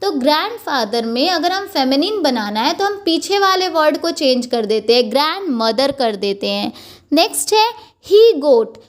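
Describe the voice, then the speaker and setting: A woman's voice: high voice, very animated, normal speed. A woman teaching a grammar lesson, patiently repeating points and spelling words out letter by letter.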